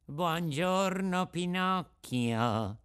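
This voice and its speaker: A man doing slow sly fox. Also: high-pitched, fairly bright tone, smooth, voice pushed up. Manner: slow, drawn-out sly speech. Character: sly lame fox, smooth-talking flatterer. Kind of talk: audiobook character voice.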